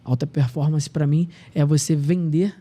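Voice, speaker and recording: A man's voice: on the high side, fairly even intonation, moderate pace, mellow. A man in his thirties, a podcast guest, telling earnest personal stories in casual conversation. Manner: earnest, storytelling, reflective.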